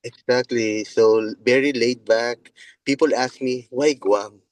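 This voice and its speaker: A man's voice: medium pitch, fairly even intonation, takes it slowly, poor audio. A middle-aged man with a Filipino accent, talking loosely as an interview guest, with many restarts. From Philippines. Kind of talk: casual interview.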